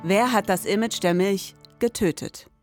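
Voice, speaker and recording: A woman in her forties co-hosts a scripted, performative podcast, explaining things at a moderate pace in a medium-pitched voice. Music plays underneath, and the recording has a long reverb.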